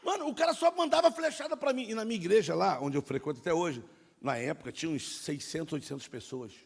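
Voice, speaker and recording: A middle-aged man preaching a sermon and telling his own testimony, swinging between loud and hushed like a dramatic storyteller. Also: on the high side, animated, fast, vocal fry, breathy edge. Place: church sanctuary. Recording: long hall reverb.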